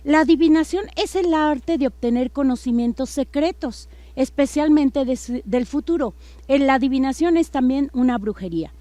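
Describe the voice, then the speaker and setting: A woman's voice: high-pitched, warm tone, no room sound. A woman giving a sermon-style church teaching, earnest, with frequent fillers and restarts.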